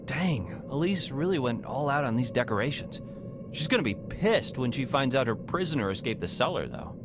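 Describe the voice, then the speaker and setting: A man's voice: mid-range voice, expressive, normal speed, noisy background, natural voice. An actor playing a casual, skeptical and wry young man in a video game. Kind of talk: video game character acting.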